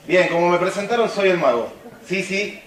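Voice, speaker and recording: A man's voice: sits high, lively intonation, normal speed. A man with a Rioplatense accent doing stand-up magic patter and joking with a live audience at an event. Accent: Rioplatense Spanish. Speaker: magician and comedian. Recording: echoey hall, far from mic, crowd noise. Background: audience laughter and chatter.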